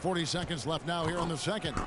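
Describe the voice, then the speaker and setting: A man's voice: fairly high pitch, noisy background, lightly acted. A man voicing the play-by-play announcer in a basketball video game, calling the action. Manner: crisp, measured announcer delivery. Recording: game audio with loud music.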